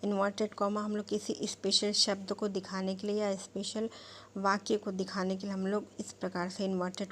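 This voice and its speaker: Teaching punctuation to a class, this woman spells out words and keeps checking in with "okay?", "ठीक" and "है ना", explaining at a slow, patient pace full of fillers. She has a mid-range voice, with a little background noise.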